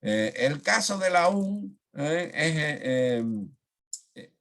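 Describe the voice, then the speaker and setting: A man giving an online grammar lesson on a video call. He fills pauses with "eh" and keeps checking in with "¿eh?". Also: a little high, animated, creaky, a bit bright. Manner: frequent "eh" fillers, checks in with "¿eh?". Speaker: teacher.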